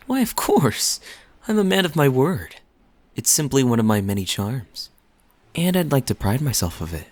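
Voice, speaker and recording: A man's voice: medium pitch, big pitch swings, normal speed, a little mellow. Man playing suave, teasing Kaeya, swooping flirtatious lilt. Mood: playful, boastful. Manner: smooth-talking, playful, coy, lingering phrasing. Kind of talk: romantic interactive audio roleplay, spoken to the listener.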